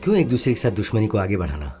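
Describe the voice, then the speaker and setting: An earnest, principled hero. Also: male voice, on the low side, very animated, rapid-fire, dark tone, faint music behind. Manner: earnest, persuasive. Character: calm, principled young male officer. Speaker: officer, hero. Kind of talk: Hindi film dub.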